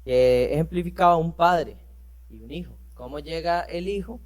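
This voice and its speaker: A man's voice: on the high side, moderate pace. A man teaching a church lesson, reading scripture aloud and explaining it with rhetorical questions and frequent fillers. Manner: frequent fillers and self-corrections. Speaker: preacher.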